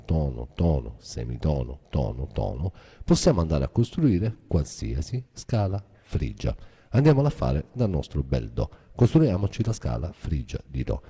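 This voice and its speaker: A man's voice: a bass voice, warm tone, slightly rough. A man giving a guitar lesson, explaining a scale step by step in a methodical way. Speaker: guitar teacher. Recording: guitar playing behind voice.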